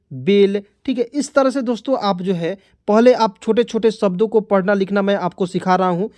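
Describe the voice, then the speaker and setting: A man's voice: high voice, a little mellow, no echo. A man teaching beginners to read English words, spelling them letter by letter and quizzing the listener over and over. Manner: repetitive, quizzing with "kya padhenge?" and "theek hai". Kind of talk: phonics lesson for beginners.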